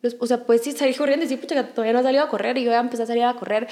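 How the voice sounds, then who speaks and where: A young woman chatting casually, telling a personal story in an animated way with many restarts. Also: fairly high pitch, racing. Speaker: podcast guest. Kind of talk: casual chat.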